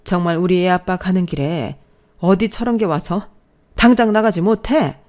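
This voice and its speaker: In a storybook drama, a fierce older widow lashes out in a forceful, scolding voice, as a woman narrator puts her on. She speaks a little higher and louder than the narration. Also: normal speed, natural voice. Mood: indignant.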